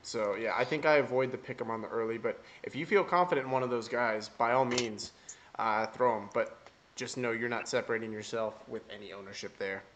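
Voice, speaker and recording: A man's voice: mid-range voice, fairly quick, fairly bright tone, muffled recording, a little hiss or hum. A man hosting a casual fantasy baseball podcast, jokey and emphatic, swearing casually. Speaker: fantasy baseball analyst host.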